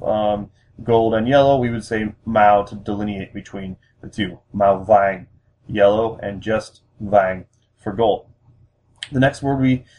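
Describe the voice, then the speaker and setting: A man's voice: on the low side, darkish tone. A man giving a recorded spoken language lesson, explaining step by step with many ums and restarts. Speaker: language teacher.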